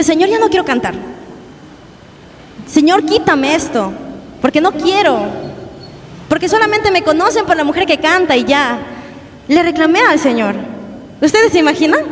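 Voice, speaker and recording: A young woman preaching a sermon at a youth service, earnest and repetitive, often asking the congregation questions. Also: high voice. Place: church hall. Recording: long church hall reverb, faint background noise.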